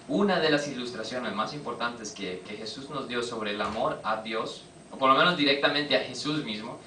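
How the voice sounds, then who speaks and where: Bright-voiced preacher, echoey hall. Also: male voice, medium pitch, far from the mic, slight background noise. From Costa Rica. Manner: engages the congregation with quick rhetorical questions. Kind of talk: sermon. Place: church hall.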